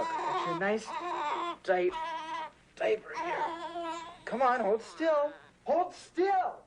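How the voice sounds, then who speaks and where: A man's voice: fairly high pitch, gravelly, exaggerated voice. A frantic boy father. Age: teens. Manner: pleading, then frantic and near tears with a crying baby. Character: overwhelmed teenage boy, new young father. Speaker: teenage son and young father. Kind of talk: 1980s TV drama acting. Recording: noisy old TV broadcast audio.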